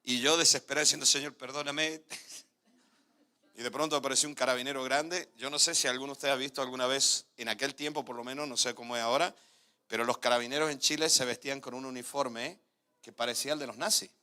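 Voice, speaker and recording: A man's voice: medium pitch, steady tone, fast. A man with an Argentine accent, a pastor telling a personal testimony during a sermon, laughing often as he tells the story. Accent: Argentine Spanish. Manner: storytelling, laughs often, dips quiet then rises.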